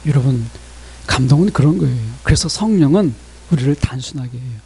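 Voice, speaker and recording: A man preaching a sermon as pastor, talking straight to his congregation in an animated way. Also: medium pitch, fairly quick, breathy edge.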